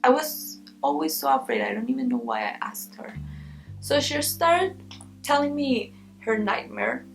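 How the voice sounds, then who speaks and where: A woman's voice: on the high side, creaky, a bit bright, rough recording. A woman telling a personal story casually to her viewers, dramatic and building tension. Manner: dramatic, builds tension and laughs between lines. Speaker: storytime vlogger.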